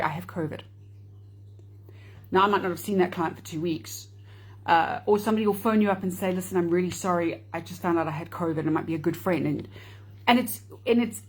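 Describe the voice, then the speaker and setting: A woman's voice: mid-range voice, husky. A woman hosting a live video talk, chatting and explaining with wry asides. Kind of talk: casual talk to camera.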